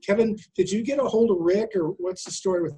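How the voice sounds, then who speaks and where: A man's voice: high voice, fast talker, warm tone, slightly rough, poor audio. A man hosting a casual panel chat, teasing his co-hosts in a loose, easygoing way. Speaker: host.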